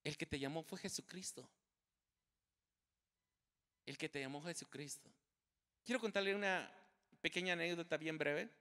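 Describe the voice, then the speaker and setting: A man preaches to his congregation in a high, ringing voice, stressing and repeating his key lines. His words carry a long reverb off the walls of a church sanctuary. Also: moderate pace, pauses often, sharp tone. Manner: emphatic, repeats key phrases, addresses the congregation directly. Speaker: pastor. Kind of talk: preaching a sermon.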